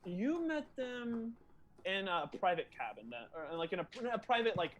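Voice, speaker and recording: A man's voice: on the high side, very animated, fast, fairly bright tone. A man running a tabletop game as game master, narrating loosely with many fillers.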